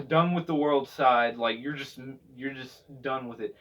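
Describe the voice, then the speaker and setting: Here a vocal coach talks through a relaxed lesson, his medium-pitched voice a little slow and a bit bright. His delivery wanders, full of hesitation and repetition. A distant microphone leaves the recording sounding dull.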